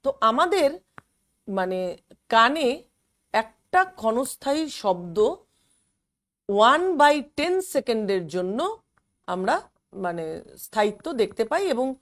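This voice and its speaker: A woman's voice: fairly high pitch, a bit bright. A woman teacher explaining a physics lesson step by step, with many fillers and English terms. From West Bengal, India.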